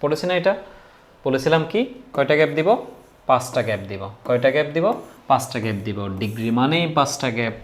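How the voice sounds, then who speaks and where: A man's voice: mid-range voice, lively intonation, quick pace, long pauses. A male teacher giving a casual grammar lesson, repeating key points and quizzing his students. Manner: repetitive, drilling students with questions. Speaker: English teacher.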